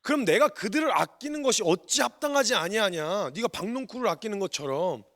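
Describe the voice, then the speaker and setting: A man voicing God, who patiently reasons with a sulking prophet in slow, emphatic sentences that swell in volume. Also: high voice, lively intonation. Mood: reasoning, earnest. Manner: slow, emphatic, rising and louder.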